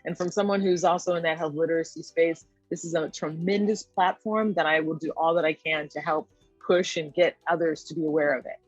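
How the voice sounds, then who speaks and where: A woman's voice: low-pitched, steady tone, a little fast, dry recording, muffled recording, faint music behind. A woman guest in a podcast conversation, speaking thoughtfully and often checking in with a tag question.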